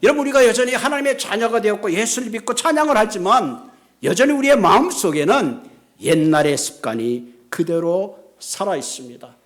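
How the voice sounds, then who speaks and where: An earnest male pastor preaching a sermon, his voice sitting fairly high for a man. He leans into key words with emphasis and builds toward his points. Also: a bit bright.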